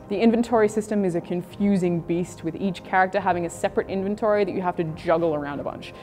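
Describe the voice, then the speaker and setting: A woman's voice: medium pitch, a little mellow. A woman reading scripted video game reviews and news as a presenter. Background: music.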